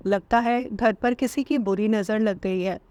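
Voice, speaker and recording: A woman's voice: medium pitch, steady tone, unhurried, mellow, dry recording, natural voice. A woman voicing a stern, suspicious grandmother over sixty in a storybook narration, scolding in her own voice.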